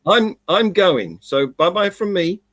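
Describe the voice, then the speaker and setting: A man hosting an online event, chummy and brisk with his guests. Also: sits high, animated, a bit bright, no echo. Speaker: host.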